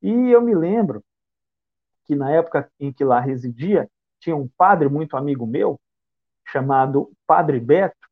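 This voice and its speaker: Reflective and posing rhetorical questions, a spiritist speaker from São Paulo state, Brazil, lectures at a measured pace with an expressive, somewhat high voice and a Brazilian Portuguese accent. The sound is phone quality.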